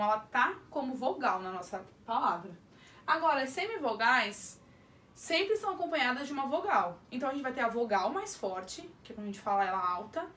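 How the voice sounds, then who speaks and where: A woman's voice: high-pitched, fairly bright tone, far from the mic, a little hiss or hum. A Brazilian woman teacher giving an online grammar lesson, explaining carefully and stretching words out to sound their syllables. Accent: Brazilian Portuguese. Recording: echoey room, voice off-mic.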